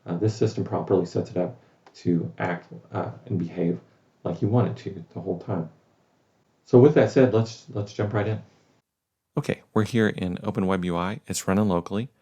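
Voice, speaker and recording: A man presenting a screen-recorded software tutorial, explaining steps plainly with frequent filler words. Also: deep voice, steady tone, normal speed, husky.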